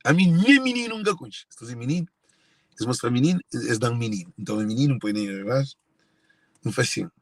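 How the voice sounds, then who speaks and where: A man's voice: medium pitch, animated, fast, dry recording. A Cape Verdean man speaking in an emotional monologue to viewers, repeating and circling back to his phrases. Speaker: speaker sharing personal family story.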